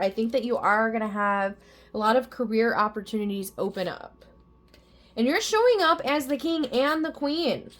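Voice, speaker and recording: A woman with a fairly high voice gives a tarot reading to her viewers. She talks in a chatty, effusive way, full of enthusiasm, though her voice carries some tiredness. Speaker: tarot reader.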